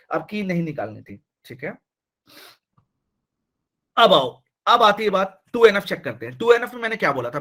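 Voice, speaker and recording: Male online tutor, fairly high voice, lively and pushy, keeps asking the class to answer. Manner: animated, repeats himself, keeps urging students to reply. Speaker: teacher. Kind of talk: live online class lecture.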